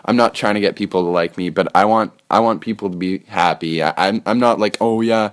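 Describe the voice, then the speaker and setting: A man's voice: deep voice, a little fast. A young man co-hosting a casual chat podcast, rambling, laughing often and swearing freely. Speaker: podcast co-host.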